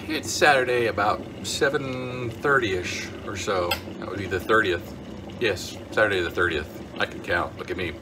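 Holding his phone camera at arm's length in a hotel room, an American vlogger in middle age tells self-deprecating stories for his video diary. His voice is fairly low and his pace normal, and the background is noisy.

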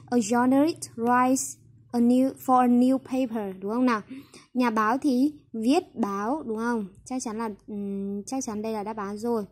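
Woman teacher going over answers, pitched high. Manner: checks in with "right?" after nearly every point, mixing English words into explanations. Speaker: English teacher. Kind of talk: recorded lesson, going over exercises.

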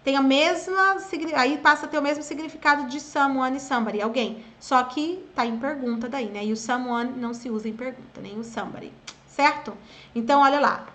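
A high-pitched woman with a Brazilian accent gives a relaxed online English lesson. She explains patiently and chats with her viewers, then drills pronunciation. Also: fairly quick. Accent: Brazilian Portuguese. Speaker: English teacher.

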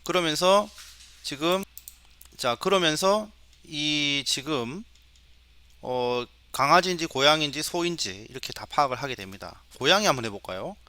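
A man's voice: on the high side, expressive, moderate pace, pushed and bright, no echo. A middle-aged male professor giving a recorded lecture demo, coaxing his students along with questions. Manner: imitates animal sounds for the mic.

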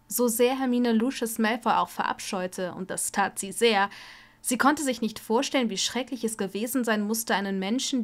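A woman reading a fan fiction audiobook with steady storytelling narration. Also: medium pitch. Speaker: audiobook reader.

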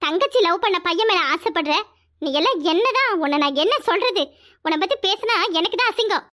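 A high-voiced performer playing a loyal, righteous young woman who speaks earnestly and firmly. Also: animated, fairly quick, pushed and bright, exaggerated voice. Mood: stern. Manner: earnest, then stern.

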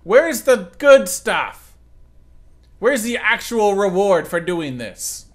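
A man's voice: high-pitched, very animated, slow pace. A young man doing sarcastic let's play commentary, joking with the creatures in the game. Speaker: gaming commentator.

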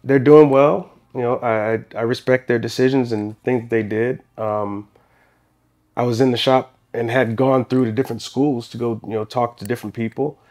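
A man in his thirties, a barbershop owner and guest, telling his story in a relaxed, rambling way with restarts, livelier when he retells scenes, seated in a small podcast studio. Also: medium pitch, normal speed. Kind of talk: casual interview storytelling.

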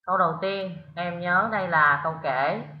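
A woman's voice: fairly low pitch, normal speed. A woman from Vietnam teaching an English lesson, patiently explaining step by step and mixing in English words. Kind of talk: recorded English lesson for pupils. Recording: roomy, dull lo-fi recording.

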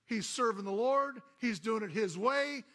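A middle-aged man who is a pastor, preaching a sermon as an animated story and calling out to the congregation. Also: very high-pitched, measured pace.

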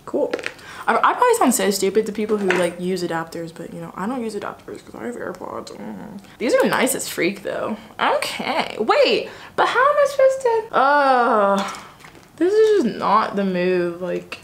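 A woman's voice: medium pitch, sing-song, moderate pace, fairly bright tone, slight background noise. A young woman from Alabama, chatting casually to camera in a college common room, self-deprecating and full of fillers. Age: young adult. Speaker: student vlogger. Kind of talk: casual vlog chat.

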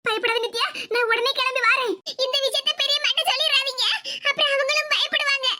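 A woman's voice: very high voice, fairly even intonation, fast. A woman voicing a worried young village housewife in a cartoon, with a Kanyakumari Tamil accent and a pleading, chatty manner. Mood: reassuring. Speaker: voice artist for a cartoon. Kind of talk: animated cartoon comedy dialogue. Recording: hissy home recording.

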